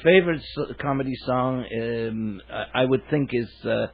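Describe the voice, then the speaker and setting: An older man from Wales, a songwriter telling rambling, hesitant stories with many fillers in a relaxed interview. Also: mid-range voice, moderate pace, creaky. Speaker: songwriter guest. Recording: narrow phone-like radio sound.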